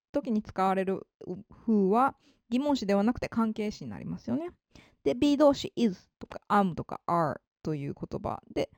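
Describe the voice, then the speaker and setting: A woman giving a polite, explanatory spoken lesson on English, slowing down to read out example sentences. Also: medium pitch, vocal fry, a little mellow, no room sound, clean studio sound. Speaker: English teacher.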